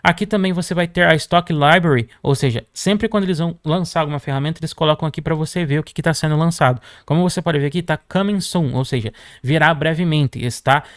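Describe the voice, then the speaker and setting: A Brazilian man walking viewers through a software tutorial, constantly checking in with "tá?" as he clicks through features. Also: a little high, no room sound, studio quality. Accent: Brazilian Portuguese. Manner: brisk, peppers sentences with "tá?" and "ó". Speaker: tutorial host. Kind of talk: screen-recorded software tutorial.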